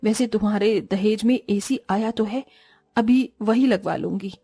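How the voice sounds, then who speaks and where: A woman's voice: medium pitch, a little slow, warm tone, slightly rough, dry recording. A woman voicing a stingy middle-aged mother-in-law in a cartoon, talking in a scolding, dismissive way.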